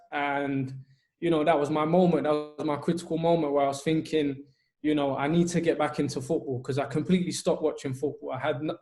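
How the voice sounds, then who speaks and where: A young man in his twenties, originally from Albania, recounts his path into coaching on a video call. His voice sits a little high and barely rises or falls. He talks earnestly, filling gaps with hesitations and restarting phrases. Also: darkish tone. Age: 20s. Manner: earnest, many fillers and restarts. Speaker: football coach.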